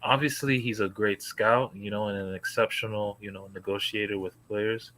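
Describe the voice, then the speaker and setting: Slangy bright-voiced young man. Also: fairly low pitch, fairly even intonation, normal speed, a little hiss or hum, poor audio. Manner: slangy, talks in long run-on takes with many "like"s. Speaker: podcast panelist. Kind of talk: casual chat.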